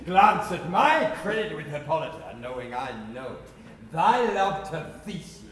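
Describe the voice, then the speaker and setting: Hammy, high-pitched fairy king. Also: very animated, measured pace, crowd noise. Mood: accusing. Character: proud, jealous fairy king, male, haughty and goading. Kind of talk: Shakespearean stage acting. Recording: roomy far-off stage recording, clear noise.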